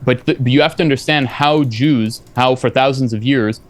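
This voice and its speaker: A man's voice: medium pitch, moderate pace. A man in a heated debate, talking insistently in a lecturing way and cutting in with repeated no's. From family from Eastern Europe. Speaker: debate guest.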